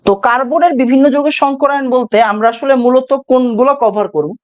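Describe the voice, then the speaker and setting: Talking fast with an extremely high pitch, a Bangladeshi male chemistry teacher lectures for exam prep, asking questions and answering them himself while repeating key phrases over and over. The audio sounds dull.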